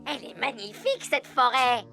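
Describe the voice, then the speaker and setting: A man's voice: very high-pitched, brisk, creaky, sharp tone, full character voice. An actor voicing a plucky, cheeky male cartoon woodpecker with a chipper, wisecracking manner in a French dub. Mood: cheerful. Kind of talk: French-dubbed cartoon acting. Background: music.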